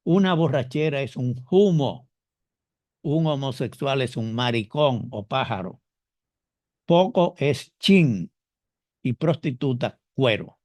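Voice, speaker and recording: A man with a Dominican Spanish accent speaks at a slow, measured pace in a voice of ordinary pitch. He lays out his points like a teacher, stretching key words and repeating examples. The recording is dry, with little room sound. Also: lively intonation, darkish tone, no echo. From Dominican Republic. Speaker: teacher explaining culture and dialect. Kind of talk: explanatory monologue.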